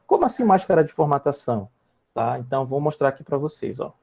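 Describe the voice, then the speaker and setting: A fast-talking, very animated programming teacher with a Brazilian Portuguese accent has a medium-pitched voice that is creaky and a bit mellow. In his live online lesson he explains step by step, checks in with students often, and repeats or restarts words as he types.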